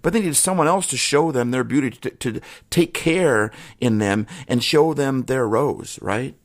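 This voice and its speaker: A middle-aged man hosting a solo podcast, talking in an earnest, emotional way, often trailing off quietly at the ends of his thoughts. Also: medium pitch, measured pace. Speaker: podcast host. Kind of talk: reflective solo podcast talk.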